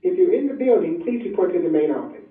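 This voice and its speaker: A woman's voice: lowish voice, big pitch swings, fast. A woman making a school announcement over the intercom, repeating her page in a plain way. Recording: distant tinny intercom in an echoey room.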